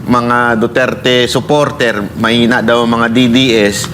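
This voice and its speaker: A male vlogger talks through political commentary haltingly, pausing on fillers as he goes. His voice sits at a middle pitch, with a faint hiss behind it. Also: flat delivery, fairly bright tone. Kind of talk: online commentary.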